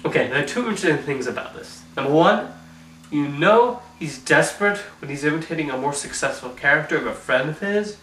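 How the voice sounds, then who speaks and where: A man's voice: a little high, lively intonation, fairly quick, bright, forceful tone, slight background noise. Dry sarcastic guy reviewing a movie, scripted voiceover, kinda roomy echo. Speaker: film reviewer. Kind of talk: scripted video review narration.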